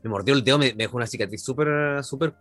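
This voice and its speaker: A man's voice: mid-range voice, fast talker, a bit bright, no echo, soft background music. A young man with a Chilean accent, a podcast guest telling a rambling story in slangy casual chat. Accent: Chilean Spanish.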